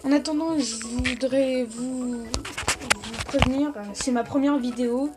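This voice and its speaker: A high-pitched woman hosts a casual phone app tutorial, guiding viewers one step at a time. Her delivery is halting and full of small self-corrections. Clear background music runs beneath her voice. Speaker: tech tutorial host.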